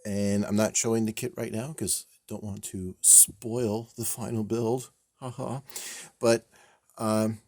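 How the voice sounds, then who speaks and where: A man with a lowish, mellow voice talks through a model kit build in a relaxed, rambling way, full of fillers and small laughs. His delivery is a touch stiff, almost robotic. The sound is dry and close, with no room echo. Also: unhurried. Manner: rambling, self-deprecating, many fillers and chuckles. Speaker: scale model builder and channel host. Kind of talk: casual build video narration.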